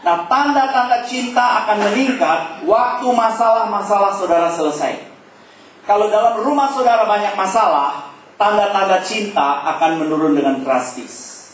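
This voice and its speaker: High-voiced man preaching in an echoey hall. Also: moderate pace. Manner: lively, playful asides and acted-out quotes. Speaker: speaker at church family service. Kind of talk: humorous family sermon. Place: church hall. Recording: echoey hall from far off with faint noise.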